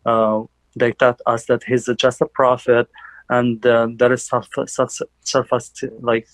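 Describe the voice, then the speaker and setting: Young man from Algeria, church testimony, halting delivery with fillers, dry close sound. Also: medium pitch, completely flat delivery, no room sound, poor audio. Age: young adult. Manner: halting, many fillers and restarts. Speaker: church member giving testimony. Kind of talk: personal testimony.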